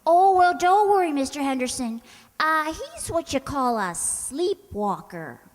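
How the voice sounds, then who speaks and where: In an echoey hall with a little background noise, a woman voices a sweet, naive, scatterbrained young secretary for an old-time radio comedy. Her high voice swings widely in pitch, and she takes her time, sounding guileless and earnest.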